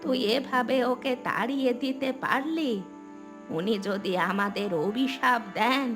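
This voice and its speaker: In Bengali cartoon voice acting, a woman plays a worried, fearful village mother pleading anxiously. Her voice is high and a little slow, heard over music.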